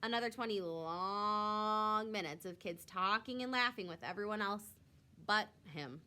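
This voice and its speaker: A woman reading a children's picture book aloud like a teacher, with expressive, clearly phrased storytelling. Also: medium pitch, unhurried.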